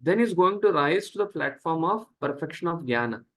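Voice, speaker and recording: A man with an Indian accent giving a scripture lecture as a spiritual teacher, slow and deliberate, halting often between short phrases. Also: a little high, lively intonation, fairly bright tone. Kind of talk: scripture lecture over online class.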